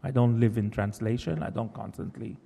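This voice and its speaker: Speaking English though Hebrew is his first language, a novelist gives a reflective public talk in a hall with long reverb. His medium-pitched voice is gravelly, warm and breathy, with fairly even intonation, and his delivery is thoughtful and halting, full of restarts.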